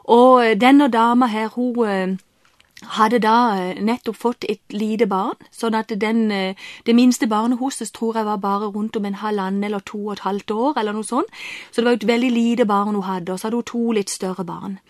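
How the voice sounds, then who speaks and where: A woman's voice: a little high, steady tone, dry recording, clean studio sound. A woman telling a personal faith story as an interview guest, earnest and full of fillers, acting out her own prayers as she goes. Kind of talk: personal testimony in conversation.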